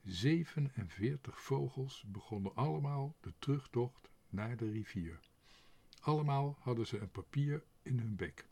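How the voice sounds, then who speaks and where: A man narrating a children's storybook in an expressive, animated way. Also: medium pitch, a little slow, gravelly, breathy edge. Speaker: audiobook narrator.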